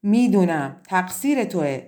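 A cruel stepmother who barks her questions and accusations in a loud, raised voice, as a woman storyteller plays her. A bitter middle-aged woman from a storybook. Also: fairly low pitch, animated, natural voice. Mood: angry.

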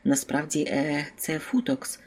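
A timid, slow-witted old priest who hesitates and stumbles before each thought, as an audiobook reader puts him on. He speaks softly and haltingly, a little slower than the surrounding telling. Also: medium pitch, lightly acted. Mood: confused. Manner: hesitant, stumbling, drops to a hushed whisper. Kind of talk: audiobook character voice.

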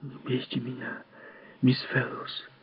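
A man's voice: high-pitched, steady tone, moderate pace, pitched above the performer's own voice. Frightened crying little boy. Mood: frightened whisper. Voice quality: soft, breathy, tearful. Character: frightened crying small boy, timid and pleading. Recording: dull, dry audiobook recording.

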